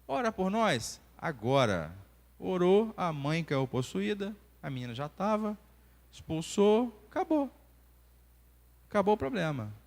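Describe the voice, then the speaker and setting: A Brazilian man in his forties teaching a church class as a doctor, telling stories and acting out the dialogue. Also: fairly high pitch. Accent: Brazilian Portuguese. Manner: animated storytelling, acting out dialogue. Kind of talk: church lesson with personal stories. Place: church hall. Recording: long reverb of a church hall.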